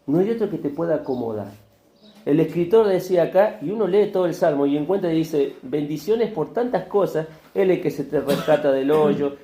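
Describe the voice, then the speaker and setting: Guy preaching a sermon, keeps repeating lines and asking the room questions, kinda high voice. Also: warm tone. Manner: preaching with rhetorical questions and repetition. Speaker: pastor. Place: church hall. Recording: echoey church hall.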